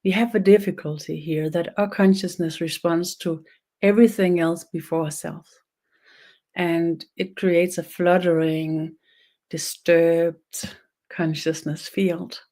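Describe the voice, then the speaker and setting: A native Danish speaker with a Danish accent leads a spiritual webinar in a slow, meditative manner, frequently searching for her words. Her voice is lowish and dark in tone.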